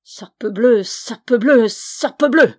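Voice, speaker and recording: Loud swearing old-time knight, full of bluster, read by a woman. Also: medium pitch, steady tone, moderate pace, lightly acted. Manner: loud, exclamatory.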